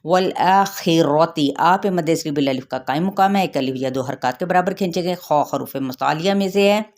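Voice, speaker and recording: Low-voiced woman teaching tajweed. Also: a little fast, a little mellow. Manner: patient, repeats rules, checks with "theek hai". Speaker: Quran recitation teacher. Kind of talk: tajweed lesson, explaining rules then reciting slowly.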